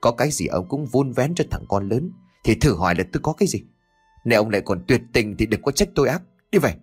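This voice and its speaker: A man's voice: low voice, expressive, fairly quick, faint music behind. A man voicing a greedy, brutal grown son who talks with a harsh snarl. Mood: snarling rage.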